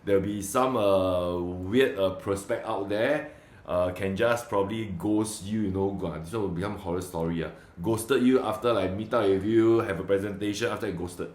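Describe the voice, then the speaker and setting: Lowish Singaporean male host, roomy sound. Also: moderate pace, darkish tone. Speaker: interview host, property agent. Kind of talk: casual interview chat.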